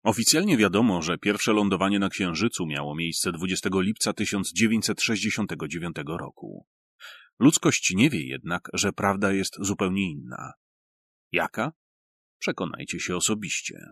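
A man reads a first-person story aloud with a wry, storytelling touch. His low voice is gravelly, and his pitch moves a lot. The sound is close and dry. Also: animated, moderate pace, fairly bright tone, no room sound. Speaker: audiobook reader. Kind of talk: first-person audiobook narration.

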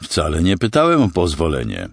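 A man's voice: sits low, wildly swooping pitch, moderate pace, creaky, no echo, clean studio sound, full character voice. A man voicing a cocky, charming soldier. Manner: cocky, teasing. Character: cocky male special-ops soldier, charming. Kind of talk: audiobook character voice.

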